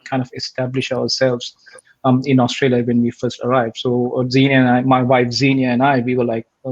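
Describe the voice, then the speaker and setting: A man in his forties from Sri Lanka talks through a casual online interview. He is steady and earnest, with frequent ums and restarts. His voice comes over a slightly dull, lo-fi call line at a middle pitch. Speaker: guest.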